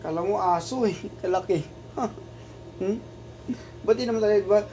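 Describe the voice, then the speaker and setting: A woman's voice: mid-range voice, moderate pace, warm tone. A woman talking fondly to her cat at home in doting, coaxing baby talk. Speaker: pet owner filming her cat. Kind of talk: casual talk to a pet. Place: at home indoors. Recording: dull lo-fi home video with faint noise.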